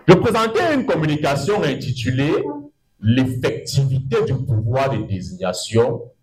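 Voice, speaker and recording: This poor-quality clip captures a university law lecture in a lecture room, given by a middle-aged man whose accent is Cameroonian French. His delivery wanders off on tangents with great energy, words stretched out and pitch jumping high whenever he stresses a point.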